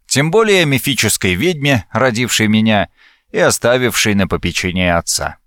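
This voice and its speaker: Man narrating an audiobook, lively intonation. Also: mid-range voice, no echo, clean studio sound. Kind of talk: first-person audiobook narration.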